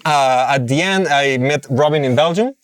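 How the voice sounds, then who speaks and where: A man from Uruguay who grew up in Spain, a producer guest, speaking in a friendly, slightly halting way in a casual interview. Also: a little high, dry recording, clean studio sound. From Uruguay, raised in Spain. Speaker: producer and mix engineer guest.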